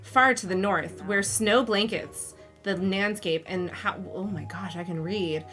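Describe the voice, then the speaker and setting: A woman runs a live game stream, chatting with players and reading scene text aloud between giggles. Her voice is bright and clear at a middling pitch. Faint music sits behind her. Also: a little slow. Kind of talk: casual live-stream chat and narration.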